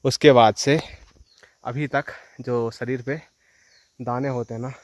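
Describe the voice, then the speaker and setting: Man, monotone, casual vlog talk, outdoors, crickets behind. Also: medium pitch, slow pace, no room sound. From Himalayan hills of northern India. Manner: chatty, addresses viewers directly. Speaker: village vlogger. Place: outdoors in a forest. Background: insects and rural outdoor sounds.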